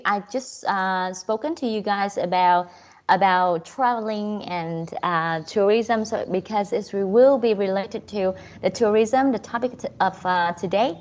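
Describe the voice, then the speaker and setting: A woman's voice: medium pitch, dull audio. A woman with a Southern Vietnamese accent teaching an English class online, switching between English and Vietnamese with frequent "okay"s.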